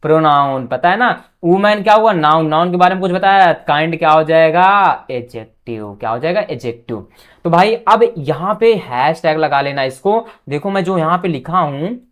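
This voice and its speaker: A male teacher giving an exam-prep grammar lesson. He asks the class a quick question and answers it himself, dropping softly on each answer word. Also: fairly high pitch. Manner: quizzes students with quick questions, then answers them himself.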